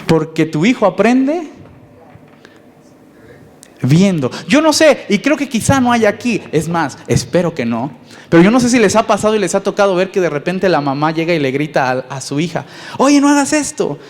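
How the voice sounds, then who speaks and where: A man with a Mexican accent preaching a sermon as pastor, lively and conversational, asking his listeners questions. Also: high-pitched, normal speed. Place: church. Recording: long reverb in a church hall.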